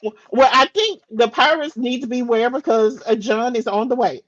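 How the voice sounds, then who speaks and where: A woman from the United States runs through a list of the day's facts in a relaxed live-stream chat, often restarting her sentences. Her voice sits a little high. The sound is dry and a bit dull, as if the audio had been squeezed thin. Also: normal speed, dry recording. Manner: chatty, with frequent restarts and fillers. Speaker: daily facts presenter.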